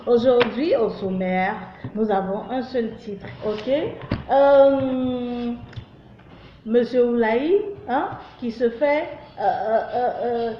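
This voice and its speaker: A woman's voice: on the high side, takes it slowly, slight background noise. Chatty woman telling a joke story. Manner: chatty, teasing, lots of fillers. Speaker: comedy vlog host. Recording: roomy, dull lo-fi.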